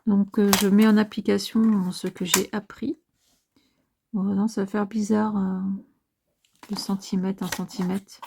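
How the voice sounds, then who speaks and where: A woman's voice: mid-range voice, little pitch movement, measured pace, vocal fry, background noise. A woman, casually narrating her journaling craft work step by step, musing and hesitant with many filler sounds. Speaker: crafting vlogger.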